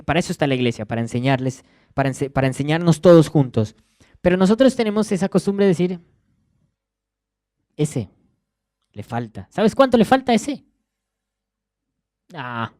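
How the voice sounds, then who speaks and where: This conversational sermon comes from a twenty-something man from Argentina who speaks with a Rioplatense Spanish accent and frequently repeats words while searching for what comes next. His voice sits on the high side and sounds mellow, captured in clean studio sound with no room tone.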